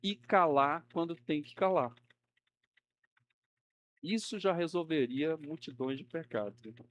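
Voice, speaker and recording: A man's voice: on the high side, a little slow, a bit bright. A man teaching a Sunday school class, chatty and conversational, often checking in with his listeners and acting out the people in his stories. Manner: conversational, uses tag questions like "né?" often; acts out quoted people in a raised voice. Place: church classroom.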